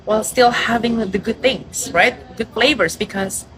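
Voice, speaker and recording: A woman from Indonesia, a restaurant owner chatting casually in an interview, lively and quick to laugh. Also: on the high side, poor audio. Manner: lively, laughs often, acts out quoted customers.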